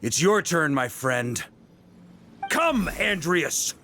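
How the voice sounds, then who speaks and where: An actor playing a calm, confident knight grandmaster in a fantasy game, speaking with measured, easygoing authority. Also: male voice, on the high side, in a large hall, faint music behind, heavily acted. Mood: resolute.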